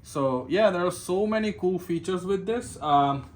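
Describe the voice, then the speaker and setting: A man with a high, lively, slightly slow and mellow voice gives an unscripted, informal walkthrough of a security system he installs. He explains each step and keeps checking in with the listener, often closing a point with "right?". Clear ambient noise sits in the background.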